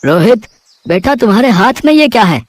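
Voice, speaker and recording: A woman voicing a kindly, principled middle-aged jalebi seller in a cartoon, with a gentle, fatherly way of talking. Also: fairly high pitch, very animated, a little fast, no room sound. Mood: affectionate. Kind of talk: cartoon voice acting.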